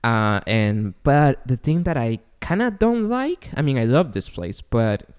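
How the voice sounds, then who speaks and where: A man's voice: medium pitch, big pitch swings, measured pace, smooth. A young man who speaks English as a second language, chatting casually as a podcast host in a big, echoey room that sounds like an empty warehouse. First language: not English. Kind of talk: casual chat. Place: large, tall apartment room.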